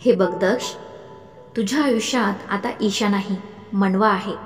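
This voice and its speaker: A woman voicing an older mother figure who is fond but insistent, speaking slowly and coaxingly in an audiobook story. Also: mid-range voice, natural voice. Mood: pleading. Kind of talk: audiobook narration. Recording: echoey room with faint music.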